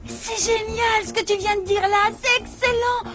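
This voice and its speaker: An actress voicing an excitable young woman who pleads theatrically and plays a haughty rich lady in a game of pretend. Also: very high-pitched, normal speed, over music. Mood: enthusiastic. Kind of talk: dubbed telenovela acting.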